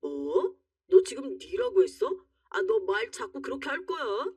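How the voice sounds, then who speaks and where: A woman's voice: medium pitch, fairly quick, mellow, dry recording, clean studio sound, distant mic, close to an everyday voice. A woman voicing a scornful, quarrelsome husband while reading a story aloud. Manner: sneering, quarrelsome. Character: scornful selfish young-adult husband.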